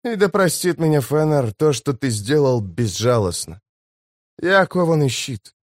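A man doing an exhausted warrior-priest, rasping and halting under a great burden, grave and solemn. His words come slow and heavy, then rise into a strained plea. The sound is dry and close. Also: medium pitch, big pitch swings, no room sound. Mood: weary.

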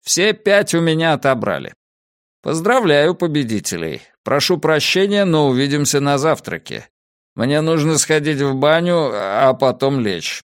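A man voicing a bold male warrior leader who calls out a challenge in a loud, raised voice. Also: mid-range voice, lively intonation, a little slow, no room sound, studio quality. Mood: weary.

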